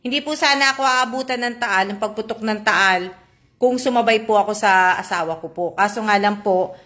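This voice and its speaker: A woman's voice: medium pitch, fairly bright tone. A woman from the Philippines chatting on a live stream, reading viewer comments aloud in a polite, chatty way full of fillers and tag questions.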